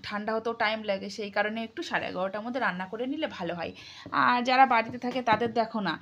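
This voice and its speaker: A woman in her thirties from India with a Bengali accent, chatting to her viewers as she narrates a home vlog from her kitchen. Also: on the high side. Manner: chatty, talks to viewers directly; sometimes speaks softly so a sleeper is not woken. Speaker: vlogger.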